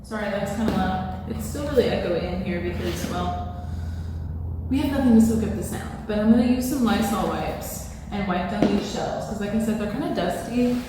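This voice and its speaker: A woman's voice: mid-range voice, normal speed. A woman chatting casually and self-deprecatingly to camera while she does chores, in an empty, echoey apartment room. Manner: informal, self-deprecating, talking through chores. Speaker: vlogger. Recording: very echoey room, distant mic, background noise.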